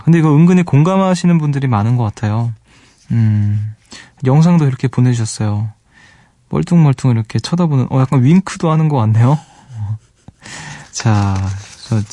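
A man hosting a late-night radio show, reading listener letters aloud in a soft-spoken, fond way and gushing over pet photos from a studio microphone. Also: medium pitch, dry recording.

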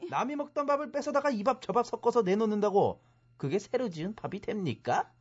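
A man's voice: high voice, animated, brisk, a little mellow, breathy edge. A man playing the angry son of a wronged landowner in a radio comedy sketch, confrontational and sarcastic. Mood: accusing. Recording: dull broadcast sound.

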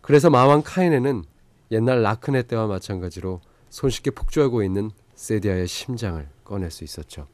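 A man's voice: lowish voice, expressive, a little fast, background noise. A man hosting with polite scripted narration. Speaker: host narrator.

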